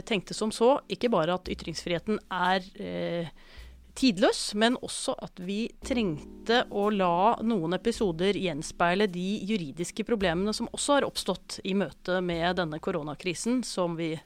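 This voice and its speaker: A woman hosting a podcast, interviewing a guest and closing the episode in an articulate, upbeat way. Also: medium pitch. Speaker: podcast host.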